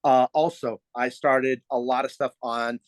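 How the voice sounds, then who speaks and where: A man's voice: mid-range voice, fairly even intonation, a little slow, no echo. A middle-aged man, a real estate agent, explaining at ease with fillers as a podcast guest. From United States. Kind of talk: podcast interview.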